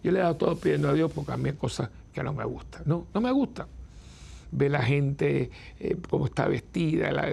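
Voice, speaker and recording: Older priest, husky gravelly voice, chatty and chuckling, breaks off and restarts. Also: male voice, on the high side, animated, fairly quick, darkish tone. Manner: conversational, self-interrupting, chuckling. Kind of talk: informal spiritual talk.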